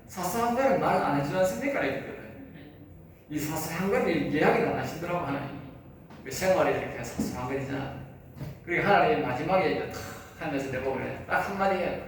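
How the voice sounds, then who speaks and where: A man's voice: mid-range voice, vocal fry. A man with a Gyeongsang Korean accent, a pastor giving a sermon lecture, talking to his listeners in a conversational way and firing rhetorical questions at them. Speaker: pastor teaching at a seminary. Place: church lecture hall. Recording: echoey hall, mic far off, faint noise.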